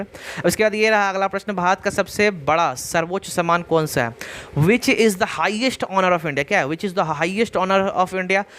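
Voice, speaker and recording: A man with a high voice teaches a general-knowledge exam class online. He reads each question and its options, then drills the answer again and again with rhetorical questions. He talks to his viewers in a casual, friendly way. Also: a bit bright. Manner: repetitive, drills answers with rhetorical "kya hai?"; casual, addresses viewers as bhaiya and yaar. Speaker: GK quiz teacher.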